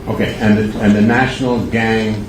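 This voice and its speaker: A man's voice: fairly low pitch, steady tone, moderate pace. A man cross-examining a witness as an attorney, probing and rephrasing his questions. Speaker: defense attorney. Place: courtroom. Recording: echoey, distant, noisy courtroom audio.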